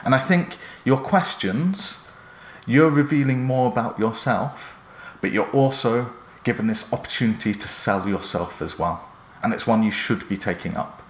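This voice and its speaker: A man presenting instructional career advice in a measured, earnest, explanatory manner. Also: medium pitch. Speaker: presenter giving job interview advice. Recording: roomy echo around the voice.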